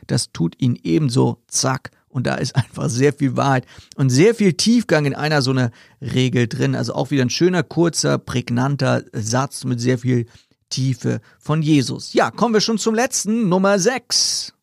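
A man's voice: medium pitch, lively intonation, moderate pace, gravelly, dry recording, clean studio sound. A man hosting a podcast, chatting casually about Bible verses and thinking aloud with fillers and repeated words. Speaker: podcast host.

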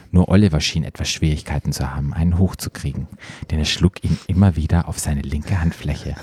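A man's voice: dark tone, husky, no room sound. Dry-voiced man reading a story aloud. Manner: reads in a lowered voice, breaks into laughter. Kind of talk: casual chat and comic reading aloud.

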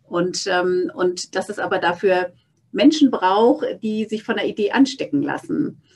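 A woman's voice: mid-range voice, measured pace, a little mellow, breathy edge. A woman being interviewed as a founder, speaking thoughtfully and often repeating words as she searches for them. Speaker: guest, founder. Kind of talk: conversational interview. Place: office space.

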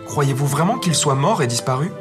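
A man voicing an anxious, eager little girl in a storybook reading, raising his voice high into pleading cries. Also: expressive, a little fast, over music, lightly acted.

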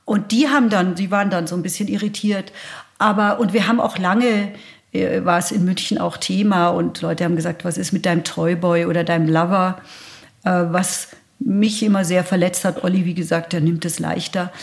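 Lively sixty-year-old woman. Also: lowish voice, moderate pace, gravelly. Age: 60s. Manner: animated, acts out dialogue. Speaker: guest. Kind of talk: casual interview storytelling.

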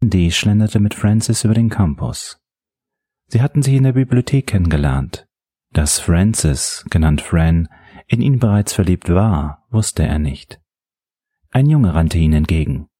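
A man narrating an audiobook in a measured, steady storytelling manner. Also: low voice, husky, no room sound, clean studio sound.

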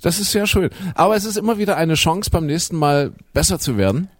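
A male podcast host banters with mock-serious questions. His pitch moves around a lot, and the recording is dry and close. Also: lively intonation, brisk, dry recording. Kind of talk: joking casual chat.

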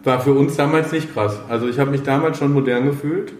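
A man's voice: medium pitch, steady tone, fairly quick, a little mellow. Casual male podcast host in an echoey room. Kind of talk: casual chat. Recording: roomy echo, faint background noise.

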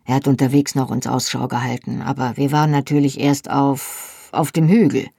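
A narrator voicing Jamie, a wry, good-humoured young Scottish man with dry, teasing replies, in a gravelly, husky voice. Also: mid-range voice, flat delivery, normal speed, dark tone, no room sound.

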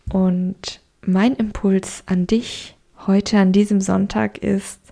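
A young adult woman hosting a podcast, reading a short story and giving calm, gentle encouragement. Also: medium pitch.

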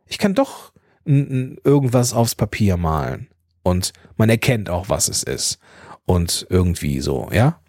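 A German podcast host in his thirties thinks aloud in a personal monologue, restarting sentences, using fillers, and stuttering slightly on some consonants. His voice sits low with big pitch swings, a measured pace and a slightly mellow quality, recorded cleanly in a dry studio.

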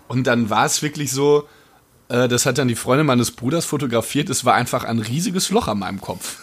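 Young man with a raspy smoker's voice. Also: medium pitch, fairly bright tone. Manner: colloquial, rambling storytelling. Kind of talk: casual chat among friends.

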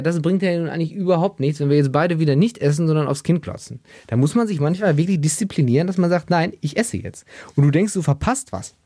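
A man's voice: on the high side, a little mellow, no echo, studio quality. A young man with a tired voice, rambling in a casual solo monologue as podcast host. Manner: chatty, rambling, self-amused, puts on silly baby-talk voices.

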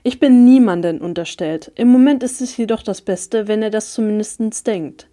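A woman's voice: medium pitch, normal speed, warm tone, natural voice. Woman doing a laid-back secretive guy in a story read aloud, dry and a bit snappy. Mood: wry. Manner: sardonic, sometimes irritable. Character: laid-back young man, secretive and wry.

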